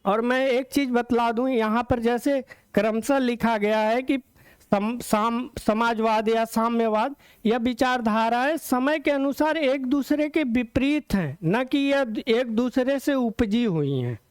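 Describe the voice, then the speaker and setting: A man's voice: very high-pitched, unhurried, clear, resonant tone, no room sound. A man teaching an exam-prep lecture, explaining step by step, repeating key words and asking rhetorical questions.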